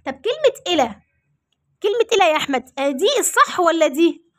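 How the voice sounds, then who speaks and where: A woman teacher with an Egyptian accent runs a call-and-response lesson in a very high, bright voice. She talks fast and keeps coaxing her pupils to answer each question. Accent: Egyptian Arabic. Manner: lively, coaxing, repeats questions for the class to answer.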